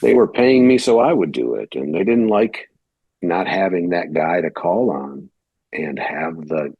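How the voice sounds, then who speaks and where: A very deep, husky man from Detroit speaks in a dry, close recording with no room sound. He is a pastor telling his story in a relaxed, rambling way and acts out what other people said. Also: measured pace, dry recording, muffled recording. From United States (Detroit, Michigan). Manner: conversational, rambling, acts out quoted dialogue. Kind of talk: casual interview storytelling.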